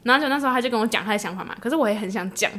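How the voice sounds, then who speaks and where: A woman's voice: fairly high pitch, racing. A young woman co-hosting a podcast, chatting casually, laughing often and acting out what people said. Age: young adult. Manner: animated, laughs often, acts out quotes. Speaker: podcast co-host. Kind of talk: casual chat.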